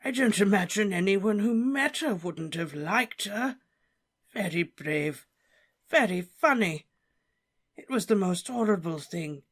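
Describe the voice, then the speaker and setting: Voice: mid-range voice, expressive, a bit bright, voice pushed up. Slughorn, a tipsy old wizard man voicing. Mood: mournful. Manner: drawn-out, quavering and wheedling.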